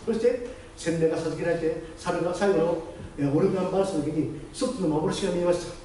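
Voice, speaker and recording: A high-pitched male pastor tells his testimony at a brisk clip, acting out the other voices in his story. His voice is picked up from some distance in a heavily reverberant chapel, with faint noise underneath. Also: dark tone. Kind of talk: testimony sermon. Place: church chapel. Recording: very echoey hall, distant mic, faint noise.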